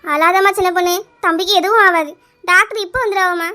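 Woman doing a sweet village auntie, kanyakumari accent, very high bright voice, comforting. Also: fairly even intonation, fast talker, soft background music. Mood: soothing. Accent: Kanyakumari Tamil. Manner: soothing and reassuring. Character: kindly village neighbour woman, soothing.

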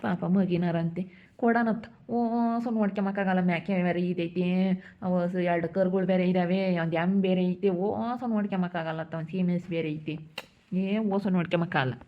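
A woman's voice: lowish voice, steady tone, moderate pace, narrow, tinny audio, natural voice. A woman playing a patient village father who explains things plainly and repeats himself, with a rural Hiriyur accent. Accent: Hiriyur rural Kannada.

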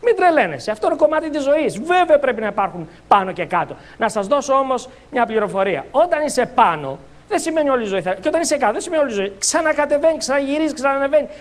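A high-voiced Greek man speaks at a motivational seminar in a lively coaching style. He jokes with the crowd and acts out short scenes. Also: few pauses. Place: conference hall.

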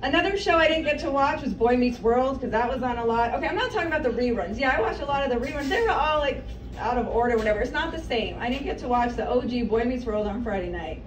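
On the high side and fast, a thirtysomething woman delivers a chatty, self-deprecating stand-up set full of rambling asides from a small café stage. She uses a mic on a stand, but the camera is across the room, giving a roomy, distant, noisy sound.

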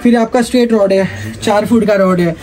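A man, giving a rapid, repetitive sales pitch while showing gear in a cluttered indoor shop, filmed close up. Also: fairly even intonation, a little mellow. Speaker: gym equipment seller.

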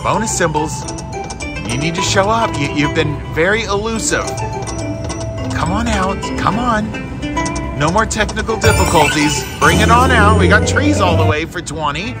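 A man giving casual, excited gambling commentary as a slot video host, coaxing the machine aloud and repeating short phrases. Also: high-pitched, moderate pace. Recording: loud machine music behind. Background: loud slot machine music.

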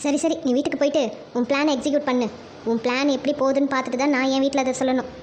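A woman's voice: high voice, flat delivery, rapid-fire, darkish tone, slight background noise, close to an everyday voice. A woman voicing a teasing young woman in a cartoon who bosses the children around. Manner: teasing and bossy. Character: teasing young woman, cheeky friend and sister. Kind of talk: cartoon voice acting.

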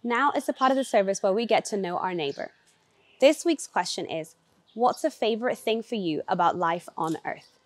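Female announcer, plain scripted voice-over, mid pitch. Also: expressive, moderate pace. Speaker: service announcer.

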